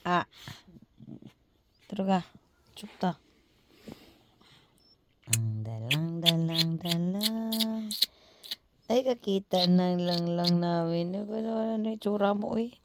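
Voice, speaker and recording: A woman's voice: medium pitch, normal speed, long pauses, a little mellow, slight background noise. A woman chatting playfully with her pets at home in a casual home video, often laughing.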